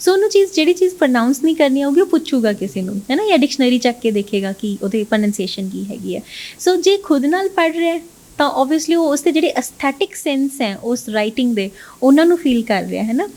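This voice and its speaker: A woman's voice: high voice, lively intonation, quick pace, a little mellow. A woman English teacher, explaining her methods in an interview and often checking "right?" with the listener. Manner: mixes English phrases into Punjabi, keeps asking "right?".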